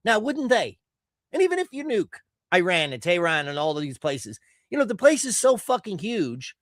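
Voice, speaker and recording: A man's voice: sits high, very animated, moderate pace, a bit bright, no echo, studio quality. A man giving ranting political commentary in a heated, profane and sarcastic manner. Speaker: streamer.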